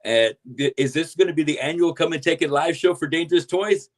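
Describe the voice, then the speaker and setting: A man's voice: a little high, a little fast. A man hosting a podcast interview, effusive and hyped, praising his guest and swearing for emphasis. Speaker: podcast host.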